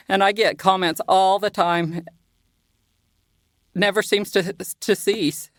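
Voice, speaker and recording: A woman's voice: mid-range voice, takes it slowly, dry recording. An older woman from southern Utah, a guest in an interview, chatting and laughing often as she remembers. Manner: chatty, laughs often, lively when retelling. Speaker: guest, co-author. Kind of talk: conversational interview.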